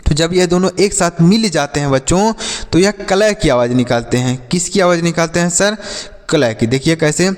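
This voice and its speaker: A man teaching an English phonics lesson to children. He asks questions and answers them himself, and slows down to spell out letters. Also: on the high side, big-room sound.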